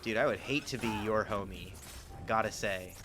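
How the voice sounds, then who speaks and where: A man's voice: fairly low pitch, normal speed, over music. A man streaming a speedrun, giving casual, candid commentary that swears freely as he plays.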